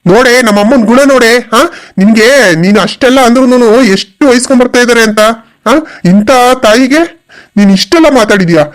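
A man voices a cruel young husband in a cartoon who is quick to anger and barks harsh threats. His voice sits high for a man and moves at a brisk pace. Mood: angry. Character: cruel hot-tempered young husband, mother's boy.

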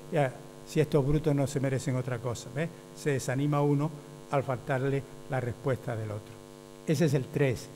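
A man's voice: a little high, a little mellow. A man lecturing to teachers, explaining step by step and often checking with "¿ve?". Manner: explanatory, often asks "¿ve?", acts out quoted voices. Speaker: teacher trainer. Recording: hum with long hall reverb.

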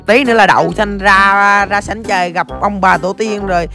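A game streamer, giving excitable play-by-play commentary to viewers with rapid-fire exclamations. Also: mid-range voice, over music. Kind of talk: live gameplay commentary.

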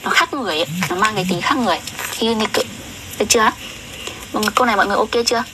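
A young woman tutoring Japanese on a livestream, chatty and often asking viewers questions, reading sentences slowly. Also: medium pitch, noisy background. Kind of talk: casual livestream lesson.

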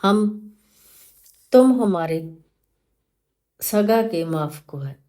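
A woman voicing a kindly middle-aged soldier in a storybook reading, speaking softly and soothingly in broken, halting phrases. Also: medium pitch, lively intonation, pitched above the performer's own voice. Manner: soft, soothing, broken speech.

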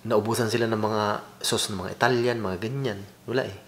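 A man's voice: fairly low pitch, fairly even intonation, quick pace, reverberant, slight background noise. A man hosting a comedic cooking video, playful and laughing, announcing like a showman. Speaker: comedy vlogger. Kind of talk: comedic mukbang banter.

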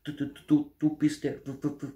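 A man's voice: deep voice, big pitch swings, moderate pace, dull audio, pitched above the performer's own voice. A man voicing a timid, curious little bear cub with a raised, anxious voice. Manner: raised, wide-eyed and anxious.

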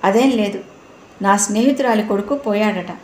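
A downcast young man in a spoken storybook speaks softly and without energy, as a woman narrator reads him. The voice comes through a roomy echo with a faint hiss behind it. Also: medium pitch, moderate pace, natural voice. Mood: subdued. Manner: soft, subdued. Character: sad, quiet young man, elder brother. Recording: roomy room, faint noise.

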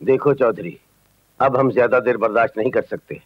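A man's voice: mid-range voice, moderate pace, dry recording, natural voice. A man playing an impatient, affronted man at a wedding, curt and formal, in dramatic film style. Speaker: film actor. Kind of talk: dramatic Hindi film acting. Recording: dull, dry old film soundtrack.

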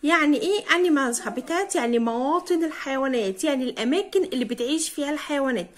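Slowly repeating words and spelling them out letter by letter, a young woman drills a primary school English class. She has an Egyptian Arabic accent, and her voice sits high.

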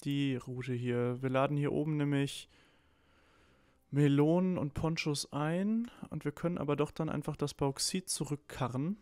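This let's play co-host has a fairly high, resonant, darkish voice with fairly even intonation and a moderate pace. He's a bit under the weather and slightly hoarse, thinking aloud with many restarts during casual strategy-game chat. The recording is clear, with no room sound.

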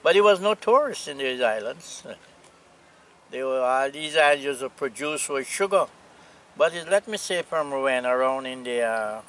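A man in his eighties from Anguilla with a Caribbean accent, reminiscing casually in an unhurried, plainspoken way. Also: fairly high pitch, fairly bright tone, poor audio. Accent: Anguillan Caribbean English. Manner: unhurried, plainspoken old seaman's talk with pauses. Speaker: retired sea captain, interviewee. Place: outdoors on a seaside hillside. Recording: outdoor camera audio with noise.

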